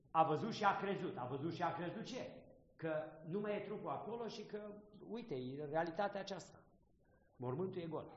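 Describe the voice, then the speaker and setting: A man preaching a sermon, reading scripture and reflecting on it aloud, often pausing to pose questions to his listeners. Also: high voice, fairly bright tone, reverberant, in a large hall, lo-fi sound.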